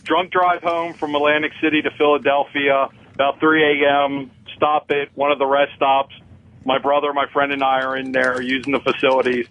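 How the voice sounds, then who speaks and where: A man's voice: mid-range voice, flat delivery, normal speed, a bit bright. A man calling a radio show, telling a funny story over the phone. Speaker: caller. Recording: tinny phone line.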